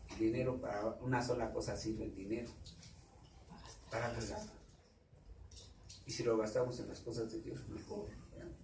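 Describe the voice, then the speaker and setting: A man with a Mexican Spanish accent preaching a sermon, repeating himself and asking the congregation rhetorical questions, at times suddenly loud. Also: fairly low pitch, animated, normal speed, creaky, pauses often. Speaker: pastor. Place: church. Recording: echoey room, distant mic, faint background noise.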